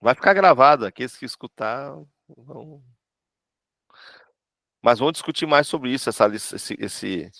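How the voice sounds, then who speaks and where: A man's voice: medium pitch, expressive, moderate pace, vocal fry, long pauses, a bit bright, dry recording. A man from Brazil, a pastor giving an informal church class who talks conversationally, acts out quoted voices and keeps checking for agreement. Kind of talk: informal teaching talk.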